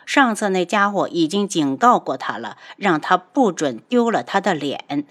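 A woman narrating a web novel audiobook in an expressive, storytelling way. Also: moderate pace. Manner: animated storytelling with wide pitch swings.

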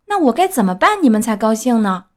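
A woman voicing a mischievous, boastful wooden puppet boy in a storybook reading, with a high, loud, playful child voice. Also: big pitch swings, quick pace. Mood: defiant.

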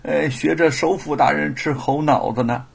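A man's voice: fairly high pitch, fairly even intonation, moderate pace, gravelly, husky, full character voice. A man voicing a poor young male thief who stammers and repeats his words, sheepish and pleading.

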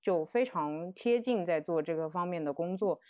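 A woman's voice: fairly low pitch, normal speed, a little mellow. A woman hosting a podcast, reading a scripted introduction and putting questions to her guests. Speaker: host.

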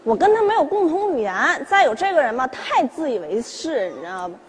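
Whiny young daughter, high and swingy, some crowd. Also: female voice, very animated, brisk. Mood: complaining. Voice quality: petulant, complaining. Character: sulky young woman, the daughter. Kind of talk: comedy sketch on stage.

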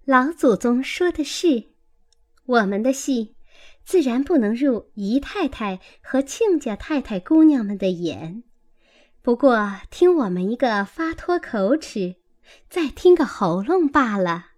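A woman's voice: on the high side, sing-song, takes it slowly, a little mellow, full character voice. A woman voicing a polite, deferential young girl actress in a classic novel reading.

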